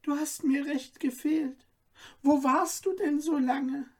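A trusting young girl with a heavy heart, speaking softly and confidingly, as a woman narrator puts her on. Her voice sits high and gentle. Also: steady tone, takes it slowly, far from the mic.

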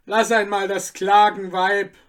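A man reading a storybook aloud, voicing a rough, boozy shoemaker father who shouts and blusters. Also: high voice, flat delivery, a little slow. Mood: blustering.

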